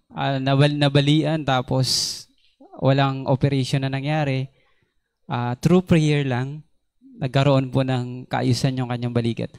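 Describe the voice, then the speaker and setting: A man with a Filipino accent leading a church service, gentle and hesitant with many fillers. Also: mid-range voice, smooth, no echo. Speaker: worship service leader. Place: church hall.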